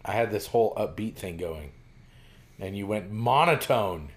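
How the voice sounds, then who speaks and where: A man's voice: lowish voice, expressive, moderate pace. A man co-hosting a podcast in casual chat, rambling with lots of fillers and restarts. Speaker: podcast co-host.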